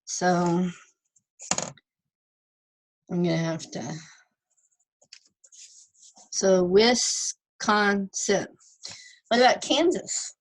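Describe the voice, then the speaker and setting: A woman's voice: fairly low pitch, animated, drawn-out words, long pauses, poor audio. A woman teaching an online ESL lesson, patiently sounding out words syllable by syllable and repeating them.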